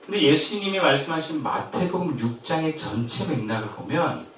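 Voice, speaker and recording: A Korean pastor with a fairly high voice preaches a lively sermon at normal speed in a church sanctuary, recorded from far off in a very echoey space with slight background noise. He swings between loud emphasis and softness, quietly and gently quoting words of comfort.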